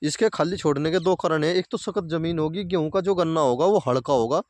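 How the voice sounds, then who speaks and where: Speaking fairly quickly in a fairly high, slightly mellow voice with no room sound, a man hosts a farming video outdoors near his fields. He keeps his advice simple and repeats himself, addressing fellow farmers as brothers.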